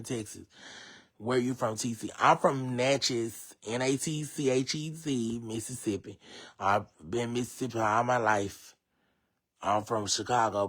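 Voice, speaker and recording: Reading out comments from viewers during a live stream, a man talks in a medium pitch with a relaxed, slangy manner. He laughs and responds loudly as he goes.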